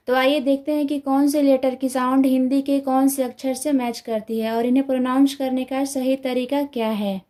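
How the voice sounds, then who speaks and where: A woman teaching letter sounds to parents, repeating each sound carefully and slowly. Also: high voice, dark tone. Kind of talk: slow instructional explanation.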